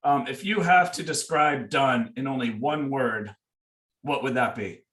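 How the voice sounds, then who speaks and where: A man's voice: mid-range voice, unhurried, fairly bright tone, distant mic. Easygoing man hosting in an echoey room. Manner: easygoing, with frequent "uh" and "um". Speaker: host of a school information session. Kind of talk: moderating a video-call panel. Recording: echoey room, away from the mic.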